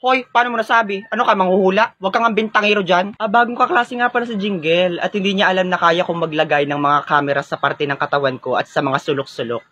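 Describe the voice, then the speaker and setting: A man voicing a calm, creepy schoolboy who is a mafia boss's son, speaking flatly and low. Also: quick pace, hardly any pauses. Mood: deadpan. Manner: flat, low, matter-of-fact. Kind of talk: comedy skit voice acting.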